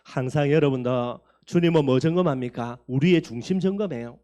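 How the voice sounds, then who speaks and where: A man's voice: on the high side, brisk, dark tone. A man preaching as pastor, asking the congregation questions and answering them himself, and acting out the figures in the text. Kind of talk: sermon.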